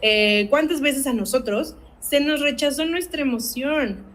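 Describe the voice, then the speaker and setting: A woman's voice: high-pitched, measured pace, a bit bright, low-quality recording. Earnest woman teaching parents. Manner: earnest, asks the audience rhetorical questions, tags with "¿no?". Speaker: academic coordinator leading a parenting workshop. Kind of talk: parenting workshop talk.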